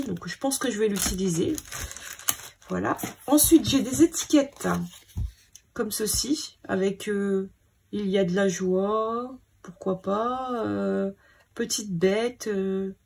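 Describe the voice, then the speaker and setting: A woman's voice: a little high, a little mellow, slight background noise. A woman hosting a scrapbooking video, thinking aloud in a hesitant, casual way as she sorts her papers. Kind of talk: casual crafting commentary.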